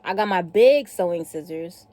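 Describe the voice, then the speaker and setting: A woman from South Africa telling a story casually to camera, animated, acting out the dialogue and swearing offhand. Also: on the low side, moderate pace. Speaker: vlogger.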